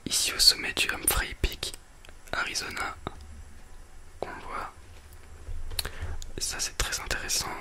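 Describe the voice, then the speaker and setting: A person speaking in a soft, breathy library whisper, presenting a book and film as an ASMR host close to a binaural microphone. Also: takes it slowly, long pauses.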